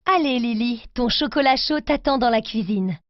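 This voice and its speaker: A woman voicing a gentle, caring mother in a children's storybook reading, with soft motherly lines. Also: a little high, lively intonation, normal speed, no echo, dull audio, lightly acted. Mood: brisk.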